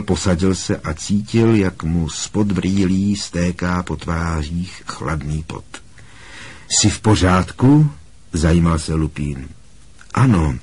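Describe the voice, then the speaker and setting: A man calmly narrating an audiobook in a measured reading style. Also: low voice, husky.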